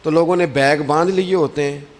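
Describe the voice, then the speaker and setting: A man's voice: fairly high pitch, fairly even intonation, brisk. A man preaching a sermon with an emphatic, rising and falling cadence. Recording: long hall reverb.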